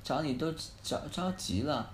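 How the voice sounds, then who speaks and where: A worried, loving mother from a children's storybook, acted out by a man. She scolds softly and comforts. The phone recording is echoey with a faint hiss. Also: fairly high pitch, animated, normal speed, pitched above the performer's own voice, close to an everyday voice. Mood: worried, tender.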